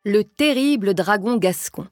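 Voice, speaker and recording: A woman reading a storybook aloud in a slow, expressive narrating voice. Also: medium pitch, over music.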